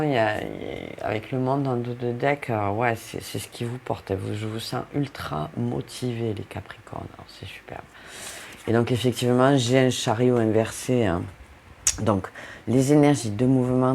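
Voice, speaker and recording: A man's voice: medium pitch, darkish tone, slight background noise. A man with a French accent giving a casual, upbeat tarot card reading, talking straight to his viewers and often interrupting himself. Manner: chatty, upbeat, breaks into laughs and self-interruptions.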